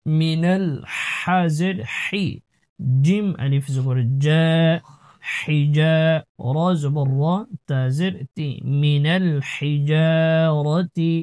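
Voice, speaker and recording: Slow, clear-voiced man teaching Quran recitation. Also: fairly high pitch. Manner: spells each syllable, then chants the word drawn out. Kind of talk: slow letter-by-letter Quran lesson.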